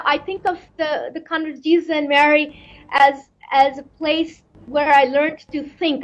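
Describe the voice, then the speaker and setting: The guest, a middle-aged woman from Pakistan who works as an astrophysicist, considers each interview question carefully and frequently repeats words as she hunts for them. Her voice is high, heard through dull audio.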